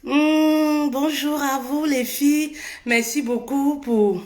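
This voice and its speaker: Female live host, high and unhurried, animated, echoey room, faint music behind. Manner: sings playfully between greetings; animated, urging viewers. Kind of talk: casual live chat.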